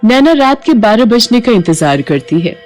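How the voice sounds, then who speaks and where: A woman giving scripted narration for a cartoon ghost story in an even, storytelling manner. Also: a little high, normal speed, faint music behind.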